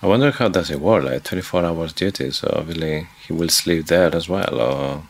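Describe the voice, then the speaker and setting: A co-host in a casual book discussion, speaking in short, halting phrases. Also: low voice. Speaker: podcast co-host.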